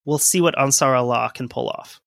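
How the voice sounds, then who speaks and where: A man's voice: mid-range voice, a little fast, creaky, a bit bright, no room sound, clean studio sound. A man co-hosting a casual history podcast, reading old newspaper quotes aloud in a conversational way. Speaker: podcast co-host.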